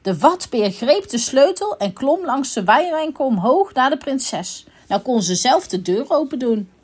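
Playful, expressive woman reading a children's story. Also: sits high, a little slow, breathy edge.

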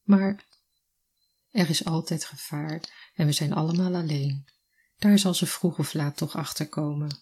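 A husky-voiced reader voicing a blunt young village man who loves birds, speaking plainly and earnestly in a read story. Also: medium pitch, fairly even intonation, unhurried, darkish tone. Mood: pondering.

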